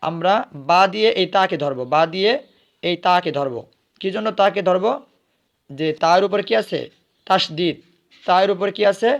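Man, recitation teacher, high-pitched voice, spells words out letter by letter, chants slowly. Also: creaky. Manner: asks questions and answers them himself; breaks words into letters and vowel marks, then chants them slowly.

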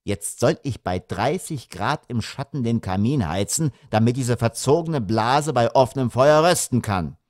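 An irritable middle-aged father, played by a male audiobook reader, grumbling and indignant, with lively shifts in pitch. The sound is dry and close. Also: measured pace, few pauses, no echo, lightly acted. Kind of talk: audiobook character reading.

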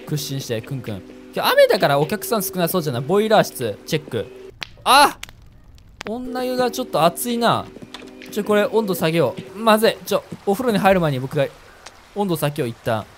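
A man's voice: sits high, big pitch swings, a little fast. A young man chatting casually and reacting jumpily as he plays a horror game, with game music behind.

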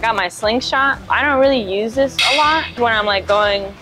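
A woman's voice: fairly high pitch, moderate pace, noisy background. A young woman powerlifter chatting casually in a gym, rambling with lots of filler words, on a lapel mic. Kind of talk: casual vlog chat. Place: indoor gym. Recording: background music under the voice.

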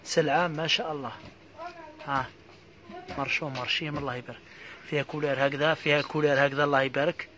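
A man with an Algerian accent giving a live sales pitch for housewares, reeling off prices in a quick patter full of repeated blessings. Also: little pitch movement, crowd noise. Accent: Algerian Arabic. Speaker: housewares shop seller.

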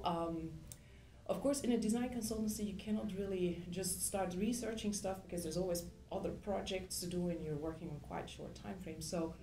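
A woman's voice: on the low side, warm tone, reverberant, a little hiss or hum, low-quality recording. A middle-aged woman from Belgium, an engineering professor, answering interview questions thoughtfully with many ums and restarts. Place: indoor room.

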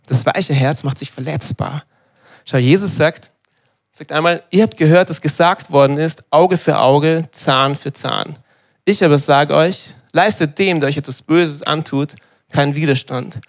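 Preacher, 30s, slightly higher voice, chatty and animated, sermon delivery. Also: male voice. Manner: lively, conversational, acts out dialogue.

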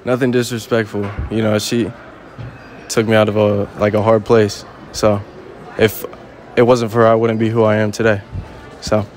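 A young man in his early twenties answering a street interviewer with relaxed, frank talk full of slang. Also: on the low side, moderate pace, crowd noise. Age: young adult. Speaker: passer-by being interviewed. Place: outdoors on a city street.

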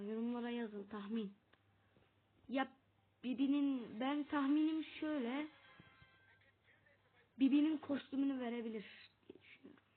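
A woman plays a game on stream and talks at a slow, drawn-out pace, scolding her teammates and chatting with viewers. Her voice sits a little high, with a gravelly fry in it. It comes through a thin, phone-like mic with faint noise behind it. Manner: talks to the screen, shouts at teammates, chats with viewers. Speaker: gaming streamer. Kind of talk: casual gameplay commentary.

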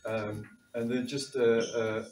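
A South African man in his sixties, a doctor serving as a panel speaker, gives an earnest talk at a meeting, reading figures from his notes and often restarting. His medium-pitched voice is flat, slow and a little mellow, with faint music behind him. He stands before a panel table in a bright meeting room, recorded from far off by a camera, so the room sounds echoey.

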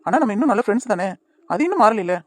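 A woman voicing a gentle, fast-talking cartoon young man. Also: medium pitch, animated, no room sound, lightly acted. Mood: reassuring. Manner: soothing, reassuring, quick talking. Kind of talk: cartoon voice acting.

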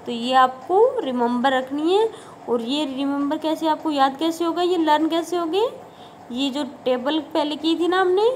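A woman's voice: high voice, normal speed, slight background noise, rough recording. A woman teaching a school math lesson with a Haryanvi Hindi accent, talking patiently and repeating numbers with frequent "okay" checks. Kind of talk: classroom math lesson in Hindi-English mix.

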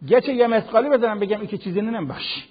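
An older man giving a televised religious lesson, preaching in an animated, conversational way with everyday examples. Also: sits high, slightly rough, big-room sound, muffled recording. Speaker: Quran teacher.

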